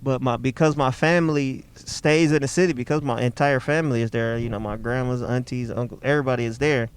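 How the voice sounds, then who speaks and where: Young male comic from Detroit, mid-pitched, smooth resonant voice; loose profane storyteller chatting in a car. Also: steady tone, a little fast. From Detroit, Michigan. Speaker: stand-up comedian, guest. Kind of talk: casual storytelling chat. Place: inside a parked car.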